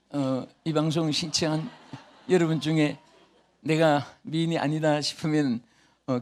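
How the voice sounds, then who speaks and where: An older man preaching a revival sermon, booming and emphatic at his peaks, then easing into chatty asides to the congregation. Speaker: pastor.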